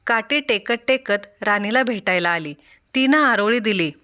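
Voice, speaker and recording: A woman reading aloud a devotional folk tale in a measured, rhythmic storytelling style. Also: mid-range voice, animated, sharp tone. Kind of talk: scripted folk tale narration.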